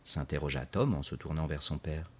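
A man reading a children's story aloud in a measured, clear narration. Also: extremely low pitch, darkish tone.

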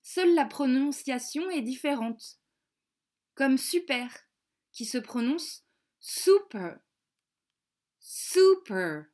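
A woman reading a children's storybook aloud in a clear, expressive reading voice. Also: high-pitched, slow, long pauses. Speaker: storybook narrator.

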